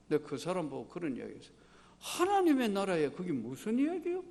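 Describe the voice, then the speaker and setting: A man's voice: fairly high pitch, gravelly, a little mellow, big-room sound. An older man with a Gyeongsang accent, preaching a sermon as an emeritus pastor, emphatic and asking the congregation rhetorical questions. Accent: Gyeongsang Korean. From Daegu, Gyeongsang province, South Korea.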